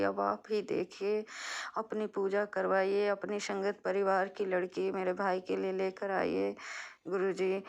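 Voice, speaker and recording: A woman's voice: medium pitch, vocal fry. A young woman sharing a devotional testimony with a prayer group, pleading again and again for help for her family. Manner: pleading, emotional, repeated appeals.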